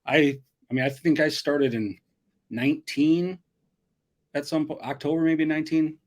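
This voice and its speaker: A man's voice: on the high side, fairly even intonation, moderate pace, darkish tone, a little hiss or hum. Middle-aged man chatting rambly. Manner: rambling, friendly, restarts often. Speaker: guest. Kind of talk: casual chat.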